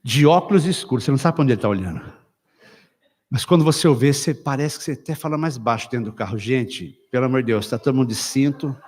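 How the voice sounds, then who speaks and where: A Brazilian man preaching to couples at a church retreat, telling stories with acted quotes and sudden loud bursts. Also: medium pitch, fast talker. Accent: Brazilian Portuguese. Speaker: pastor. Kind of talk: lively sermon at a couples' retreat. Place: church hall. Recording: reverberant church hall.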